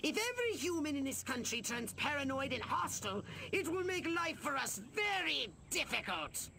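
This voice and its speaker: An actor voicing a small, bossy alien commander in a video game, giving clipped, commanding orders in a gravelly voice. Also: male voice, extremely high pitch, very animated, normal speed, bright, forceful tone, slight background noise, heavily acted. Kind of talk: video game cutscene acting.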